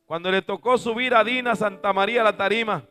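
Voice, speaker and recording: High-voiced, bright male preacher. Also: fast, soft background music. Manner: swings from booming shouts to soft asides. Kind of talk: sermon with storytelling.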